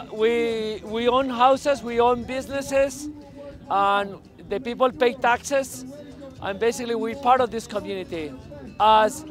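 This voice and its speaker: A Colombian-born man with a strikingly high voice talks earnestly at an outdoor march, pausing often on fillers. Faint music plays behind him. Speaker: activist at a rally. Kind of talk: street interview.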